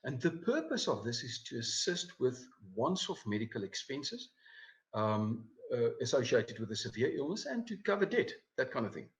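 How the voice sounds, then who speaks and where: A man's voice: mid-range voice, very animated, normal speed. A man, a financial advisor, giving a live presentation over slides, with many fillers and repeated words. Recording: dull lo-fi recording.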